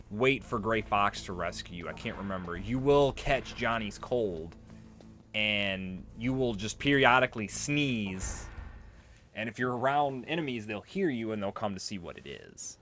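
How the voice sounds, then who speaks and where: A video game commentator with a mid-range, fairly bright voice rambles casually through a let's play, explaining things and wandering off on tangents while the game's music plays.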